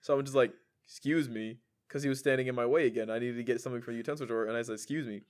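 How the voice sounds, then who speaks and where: A man's voice: medium pitch, fairly even intonation, racing. A man co-hosting a podcast, telling a story in casual chat, full of fillers and laughter. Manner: storytelling with frequent likes and laughter. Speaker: podcast co-host.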